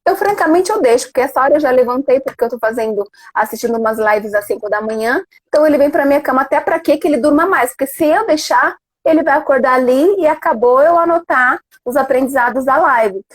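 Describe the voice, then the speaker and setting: A woman hosting a casual conversation, telling stories in an animated way. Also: sits high, fast talker, hardly any pauses, low-quality recording. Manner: animated, storytelling, acts out quotes. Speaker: host.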